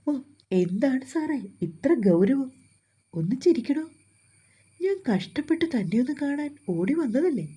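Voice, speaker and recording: A woman's voice: high voice, very animated, a little slow, pauses often, mellow, pitched above the performer's own voice. A woman playing a cheeky, lovestruck young woman. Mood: teasing. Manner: playful, teasing, pert.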